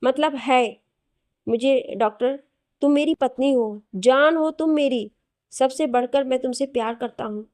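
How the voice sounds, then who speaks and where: A woman's voice: high-pitched, unhurried, a little mellow, no echo. A woman voicing a young husband who is jealous and insistent, pleading with his estranged wife.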